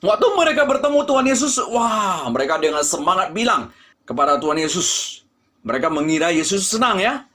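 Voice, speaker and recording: A man preaching a sermon as pastor, addressing the congregation often and swinging between loud and hushed delivery. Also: high-pitched, big pitch swings, brisk.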